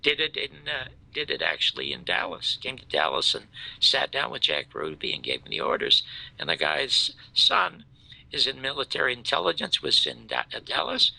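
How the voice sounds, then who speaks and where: A man's voice: huge pitch swings, normal speed, creaky, poor audio. An older man hosting a talk show, telling a story with emphatic outrage and acting out the quoted dialogue. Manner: emphatic, acts out quoted dialogue, swings from loud outrage to low hush. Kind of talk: animated storytelling in conversation.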